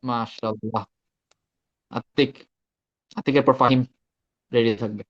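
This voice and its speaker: A man's voice: mid-range voice, steady tone, unhurried, dull audio. A man teaching Arabic pronunciation in an online class, patient and often checking that students follow. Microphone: video call.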